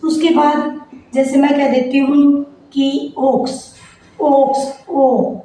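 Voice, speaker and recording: A woman's voice: sits high, little pitch movement, takes it slowly, mellow. A woman teacher giving a grammar lesson, asking the class questions and answering them herself. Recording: very echoey room, faint noise.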